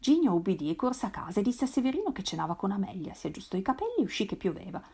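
Husky woman reading a novel aloud. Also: medium pitch, sing-song, racing, dark tone. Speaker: reader. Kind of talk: literary read-aloud.

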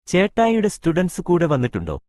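A man's voice: high-pitched, wildly swooping pitch, fast talker, darkish tone, no room sound, studio quality, pitched above the performer's own voice. A curious, chatty young woman, as a male narrator puts her on. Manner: persistent questioning.

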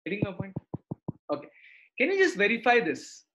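A man's voice: high voice, wildly swooping pitch, brisk, background noise. South Indian man teaching, dull lo-fi sound. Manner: explanatory, checks understanding with tag questions. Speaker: online maths teacher. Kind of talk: live interactive online lesson.

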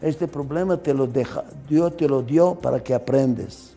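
A man's voice: medium pitch, unhurried, warm tone, faint music behind. An older man giving a management lecture, emphatic and repetitive, asking rhetorical questions, with slightly non-native grammar.

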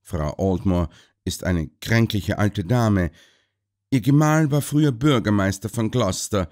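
A man's voice: fairly low pitch, unhurried, a little mellow, close to an everyday voice. A polite hotel clerk answers questions with a hesitant, umming manner, as a male narrator voices him. He sounds courteous and careful. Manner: hesitant with fillers.

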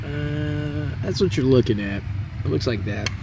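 A man's voice: fairly high pitch, unhurried. A man casually rambling through a cooking demonstration at a camp stove outdoors at night. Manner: rambling, folksy, chatty. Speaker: cooking vlogger. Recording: distant, dull camera audio with outdoor noise.

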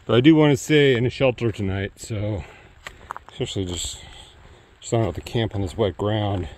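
A man's voice: fairly low pitch, moderate pace, a little mellow, slight background noise. A man in his thirties vlogging casually while hiking a wooded trail, rambling and trailing off with fillers, recorded on an earbud mic with the phone at arm's length. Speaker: thru-hiker vlogger.

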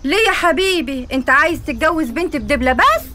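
An actress playing a bossy, sharp-tongued mother of the bride with an Egyptian accent, mocking the groom. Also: high voice, lively intonation, fast talker, a little hiss or hum. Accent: Egyptian Arabic.

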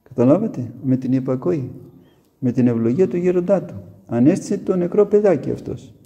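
A man's voice: a little high, lively intonation, dark tone, lo-fi sound. A male monk preaching a sermon, telling stories and acting out the dialogue in a church. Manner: storytelling with quoted dialogue.

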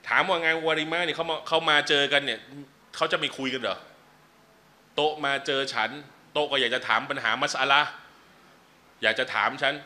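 A man teaching a relaxed religious class, chatting with joking asides between numbered teaching points. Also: a little high. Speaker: Islamic teacher. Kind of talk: casual religious lecture. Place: lecture venue.

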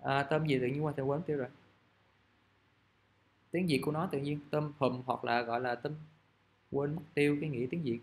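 A man, teaching English grammar in a casual, chatty way and reading example sentences out slowly. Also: medium pitch, fairly even intonation. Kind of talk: casual classroom explanation. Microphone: recording device at his desk.

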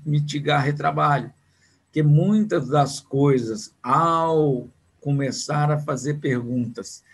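Here a man in his sixties with a fairly high, husky voice gives a business lecture online through a video call. His delivery is conversational, marked by repetition and rhetorical questions.

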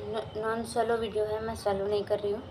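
A woman vlogger chatting casually to camera while chewing, soft-spoken and relaxed. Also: mid-range voice, brisk, background noise. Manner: soft-spoken and relaxed, mixing in English words. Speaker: eating-show vlogger.

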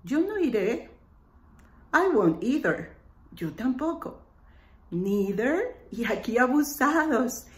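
Woman teacher, slow careful delivery, roomy echo, patient repeats. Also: fairly high pitch, big pitch swings. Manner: slow, patient, repeats example phrases deliberately. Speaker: English teacher. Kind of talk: online lesson explaining grammar.

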